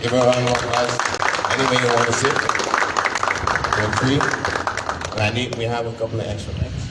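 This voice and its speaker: A man hosting a community panel informally, with halting, drawn-out phrasing. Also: mid-range voice, flat delivery. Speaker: host and panel moderator. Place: live community event, picked up from afar. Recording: distant, echoey, very noisy event recording.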